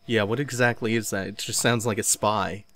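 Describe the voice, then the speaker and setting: A man's voice: lowish voice, fairly even intonation, normal speed, a bit bright. A man giving casual, wry let's-play commentary on an adventure game, swearing freely. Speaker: gaming commentator.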